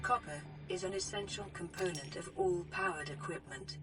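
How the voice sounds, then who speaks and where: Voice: gentle care robot. Figure: calm onboard computer assistant. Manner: soothing, even reports. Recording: distant game audio under loud music. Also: female voice, mid-range voice, normal speed. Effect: gentle care-robot voice, synthetic. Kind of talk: game voice lines.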